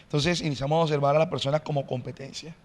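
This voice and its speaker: A male pastor explaining in an earnest, teacherly way as a podcast guest, often pausing on "eh". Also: a little high, fairly even intonation, long reverb tail, a little hiss or hum. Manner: earnest, teacherly, frequent "eh" fillers. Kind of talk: podcast interview, preaching-like explanation.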